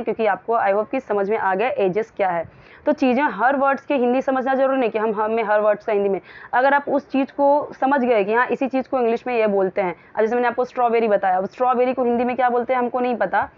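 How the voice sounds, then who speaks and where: Higher-voiced woman teaching English, lo-fi. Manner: explains each English phrase in Hindi, repeating and rephrasing; reads English sentences slowly, word by word. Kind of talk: explaining a lesson. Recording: dull lo-fi sound.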